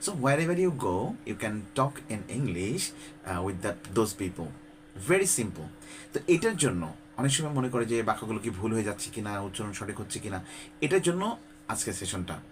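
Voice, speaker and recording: A man's voice: on the low side, a little hiss or hum. Bangladeshi man coaching English, chatty. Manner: conversational, addresses viewer directly with frequent rhetorical questions; mixes English words and phrases into his talk. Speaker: English teacher. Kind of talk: informal spoken-English lesson.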